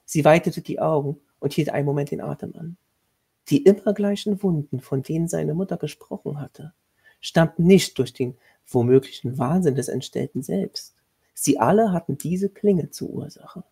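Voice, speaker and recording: A man reading his own horror short story aloud in a measured way, with a husky voice and occasional restarts. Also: on the high side, dark tone.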